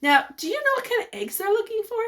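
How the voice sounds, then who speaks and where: This woman's voice is very high-pitched as she reads aloud from a picture book like a teacher. Encouraging and expressive, she breaks off to quiz her young audience.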